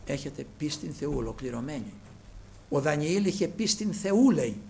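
Man preaching a sermon, high gravelly voice, keeps saying brothers, loud then hushed. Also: sing-song, a little hiss or hum. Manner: emphatic, repeatedly addressing the brethren, moving between loud and hushed.

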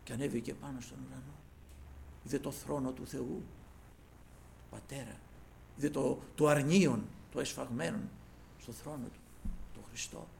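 A man preaching a sermon, addressing listeners as brothers and retelling scripture in lofty old phrasing, swinging from loud cries to hushed asides. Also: medium pitch, fairly even intonation, vocal fry, pauses often, a little hiss or hum.

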